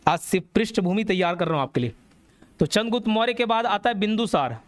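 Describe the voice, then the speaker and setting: A man's voice: high voice, expressive, fast talker. A man teaching a classroom history lecture, telling the story and quizzing students as he goes. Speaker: exam coaching teacher.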